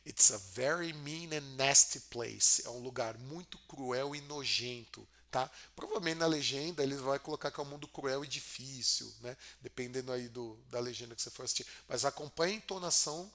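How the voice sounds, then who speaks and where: Bright-voiced male English teacher. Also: medium pitch. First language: Portuguese. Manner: repeats lines then explains slowly. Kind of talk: film-clip language lesson.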